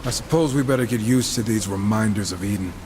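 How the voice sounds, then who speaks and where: In this lightly acted video game cutscene, a man with a fairly low voice talks fast over background noise. He plays a wisecracking, irreverent horseman of the apocalypse, trading sarcastic, casual banter in a candid mood.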